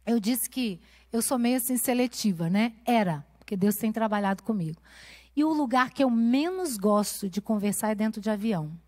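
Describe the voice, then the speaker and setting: A woman's voice: fairly high pitch, animated, normal speed, a little mellow. A woman preaching a sermon at a women's conference in a church, telling a personal story with a passionate, rising and falling cadence. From Brazil.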